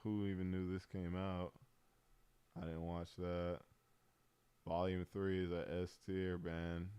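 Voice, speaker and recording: Male streamer, relaxed rambling delivery, very deep and smooth, dry close mic. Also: slow pace, no echo. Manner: laid-back, rambling, frequent "um" and slang. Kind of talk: casual tier-list commentary.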